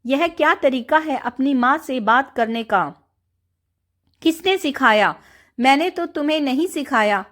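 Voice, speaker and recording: A woman voicing a young mother who is quick to scold, in a storybook reading. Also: high voice, animated, fairly bright tone.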